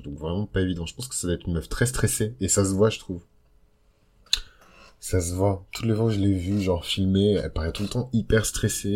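A young man hosts a solo astrology podcast in a low, warm voice. He talks casually and hesitantly, filling gaps and correcting himself as he goes. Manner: chatty, hesitant, many fillers and self-corrections.

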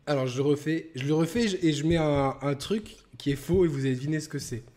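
A man's voice: fast, darkish tone. A man hosting a casual gaming chat show, joking around and repeating himself as he restarts sentences. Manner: joking, mock-reads a sarcastic pitch. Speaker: podcast host.

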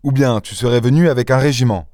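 A man reading an audiobook, voicing a playful, mocking gentleman thief who speaks with mock affection. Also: medium pitch, fast talker, no room sound, clean studio sound, natural voice. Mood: teasing. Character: charming teasing gentleman thief, young man. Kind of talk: audiobook character voice.

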